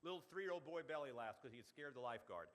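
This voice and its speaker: Fast, bright-voiced storyteller man. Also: mid-range voice. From Oklahoma. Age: middle-aged. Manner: animated storyteller, quick delivery with punchy asides. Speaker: speaker at a club meeting. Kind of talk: storytelling speech. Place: meeting hall.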